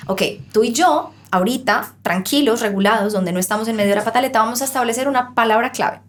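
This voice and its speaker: A woman who is a parenting expert, explaining on a podcast in an animated way and acting out the voices of parents and children. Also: fairly high pitch, fast, a little hiss or hum.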